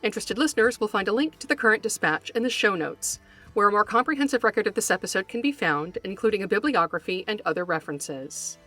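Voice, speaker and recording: A woman podcast host reading scripted educational narration in a measured, articulate, scholarly manner, close to the microphone. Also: medium pitch, animated, pushed and bright, soft background music. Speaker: podcast host, folklore scholar and fiction writer.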